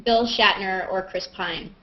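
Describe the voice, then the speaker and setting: Her voice is mid-range and unhurried, with fairly even intonation, as this actress and vlogger answers questions in a live Q&A stream. She rambles and mocks herself while thinking out loud, and the computer video call gives the audio a dull, lo-fi webcam quality.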